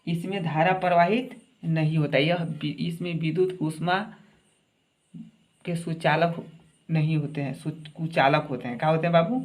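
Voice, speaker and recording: A man's voice: a little high, steady tone, moderate pace. A man teaching a science class, asking short questions and answering them himself in a coaxing classroom way, an everyday delivery. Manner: asks questions and answers them himself, calls students "babu". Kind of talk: classroom lecture.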